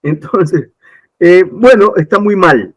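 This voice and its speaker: A man's voice: high voice, lively intonation, slow, no room sound, rough recording. A man from Ecuador, emphatically giving his political opinions in a talk-show discussion, often restarting and repeating his points. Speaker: political commentator.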